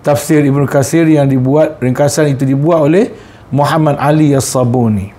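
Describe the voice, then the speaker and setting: A man with a Malaysian Malay accent, a religious teacher telling a story in a sermon to schoolchildren, speaking slowly and deliberately and often repeating and rephrasing his phrases. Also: medium pitch, fairly even intonation, dark tone.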